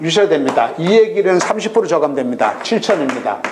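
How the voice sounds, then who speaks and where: A middle-aged man giving a recorded lecture on real estate auctions, lively and full of rhetorical questions. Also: on the high side, quick pace, noisy background. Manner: lively, rhetorical questions, acts out regional voices.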